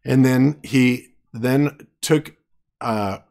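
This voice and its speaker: A man who is losing his voice, arguing his case in an online debate with halting speech and frequent restarts. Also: mid-range voice, creaky, a little mellow. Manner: halting, many restarts and fillers. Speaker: debater presenting evidence.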